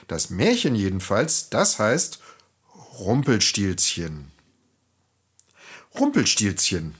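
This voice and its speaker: A man tells a fairy tale to children, slowly and with a lively, rising and falling voice. His tone is slightly husky and breathy, and he lingers on each phrase. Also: mid-range voice. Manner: lively, expressive storytelling. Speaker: children's storyteller.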